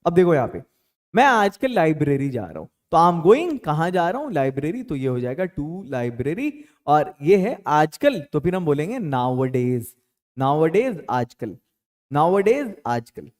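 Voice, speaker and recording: A man teaching English tenses in a casual, playful way, repeating each example sentence slowly. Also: on the high side, very animated. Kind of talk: spoken English lesson in Hindi.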